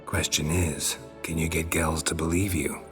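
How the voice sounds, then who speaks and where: A gruff, deadpan monster hunter. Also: male voice, a bass voice, normal speed. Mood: dry terse. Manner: terse, dry and deadpan. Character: gruff, weary middle-aged monster hunter. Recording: game audio with clear music behind.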